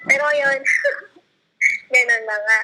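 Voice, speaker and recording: A woman's voice: fairly high pitch, fairly even intonation, slow pace, pushed and bright, faint music behind, poor audio. A woman in her thirties from the Philippines, a former tutor, talking casually and hesitantly, searching for words and often laughing. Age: 30s. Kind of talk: casual conversation.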